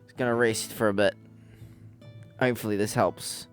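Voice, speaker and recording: A man's voice: on the low side, fairly even intonation, normal speed, soft background music. A man giving casual, rambling gameplay commentary, joking as he plays. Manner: rambling, jokey, often laughs. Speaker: gaming channel host.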